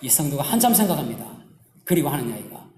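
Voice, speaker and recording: A man preaching a Sunday sermon as pastor, mixing stories and scripture in an animated style, in an echoey church hall. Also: mid-range voice, rapid-fire, a little hiss or hum.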